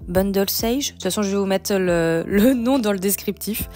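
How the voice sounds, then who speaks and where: A woman's voice: mid-range voice, normal speed, a little mellow. A woman hosting a casual, chatty step-by-step craft tutorial, thinking aloud as she goes. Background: background music.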